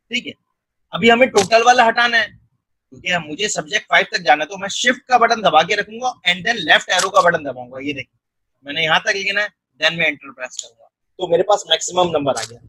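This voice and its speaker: A man narrating a screen-recorded software tutorial step by step. He keeps checking in with the viewer and mixes English technical terms into his speech. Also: sits high, breathy edge, no echo, rough recording. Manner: step-by-step, repeating "theek hai" and "ye dekhen" to guide the viewer.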